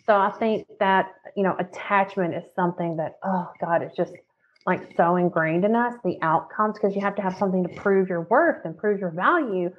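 A woman's voice: mid-range voice, moderate pace. A woman talking earnestly and candidly on a podcast, teaching about forgiveness and swearing casually. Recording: tinny phone-like audio.

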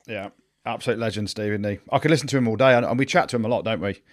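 A man's voice: fairly low pitch, racing. A man co-hosting a podcast with casual, cheeky, blokey sports banter. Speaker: podcast co-host.

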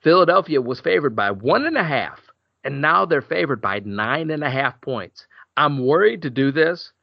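A man's voice: on the high side, sing-song, vocal fry, dry recording. A man hosting a podcast, talking through sports betting picks in a chatty, rambling way. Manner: chatty, rambling, quick laughs. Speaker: podcast host. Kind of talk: casual sports betting chat. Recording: dull lo-fi dry sound.

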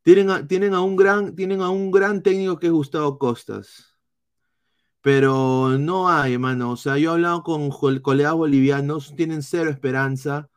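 A Peruvian man hosts a live football analysis stream, answering chat comments in a blunt, cursing way. His voice sits a little high for a man, and he stops and restarts often. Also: steady tone, clear, resonant tone. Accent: Peruvian Spanish. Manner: blunt, swearing, halting restarts.

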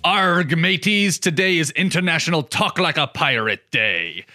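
A man's voice: on the high side, lively intonation, a little slow, bright, forceful tone, faint music behind, voice pushed up, full character voice. A man putting on a hammy voice as a boisterous male pirate on a podcast. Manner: hammy, rolling pirate talk.

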